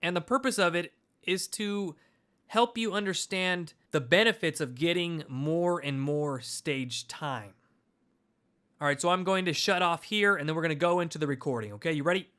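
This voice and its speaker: A man's voice: high voice, a little fast, bright, forceful tone, clean tone. A man hosting his own public speaking channel, talking to camera in a chatty, playful, upbeat way. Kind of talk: casual direct-to-camera talk.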